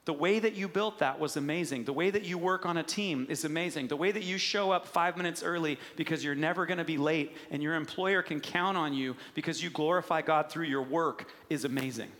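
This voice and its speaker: Man, pastor, sermon, animated storyteller, higher voice, long hall reverb. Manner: animated storytelling with acted-out quotes.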